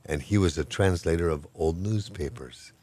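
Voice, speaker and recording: This older man, a professor of Hawaiian language, has a low, dark voice with a breathy edge, and he speaks at normal speed. Relaxed and cheerful in the interview, he rambles and makes light of himself. There is no echo.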